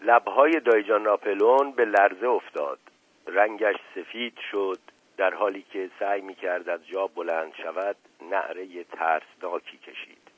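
Husky man reading a novel on radio. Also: low voice. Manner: lively dramatic narration. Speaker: radio book reader. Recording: muffled phone-like radio sound.

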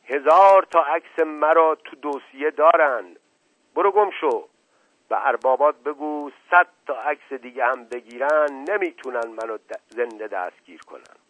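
A man voicing a paranoid, explosive older uncle who shouts and trembles with anger, in a dull lo-fi radio recording. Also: on the high side, no room sound, pitched above the performer's own voice. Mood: enraged.

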